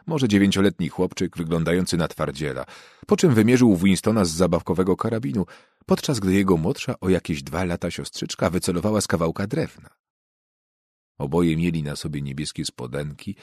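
A man reading a novel aloud as an audiobook narrator, in a measured, even delivery. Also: sits low, dry recording, clean studio sound. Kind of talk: scripted narration.

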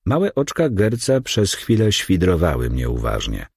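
Deep, husky male storyteller. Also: huge pitch swings, measured pace, no echo, studio quality. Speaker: audiobook narrator. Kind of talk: scripted first-person narration.

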